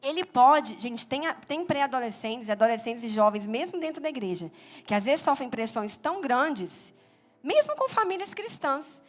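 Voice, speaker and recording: Brazilian woman, preacher, high voice, lively sermon delivery, faint music behind. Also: normal speed. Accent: Brazilian Portuguese. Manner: animated, acts out little quoted voices. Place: church sanctuary.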